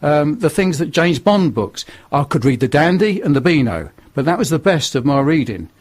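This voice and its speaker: A man's voice: a little high, very animated, normal speed, a little mellow, husky. An older man with a northern English accent, telling his life story earnestly as a radio guest. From northern England. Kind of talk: testimony in a radio interview.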